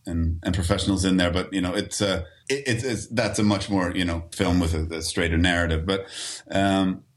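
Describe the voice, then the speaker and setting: A man's voice: sits low, fairly even intonation, moderate pace. A man from Sweden in his thirties, an actor talking casually as a guest, with many restarts and fillers. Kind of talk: casual interview talk.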